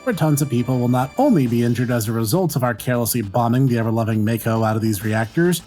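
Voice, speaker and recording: A man's voice: medium pitch, fast talker, darkish tone. Sarcastic man narrating over faint music. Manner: dry, sarcastic. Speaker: video game reviewer and host. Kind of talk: scripted comedic review narration.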